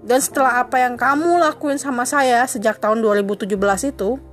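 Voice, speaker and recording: A wife confronts her husband in an emotional, dramatic monologue, her high, bright voice fairly quick as she wounds and accuses. She presses each grievance with insistent, indignant repetition, while soft music plays faintly behind her.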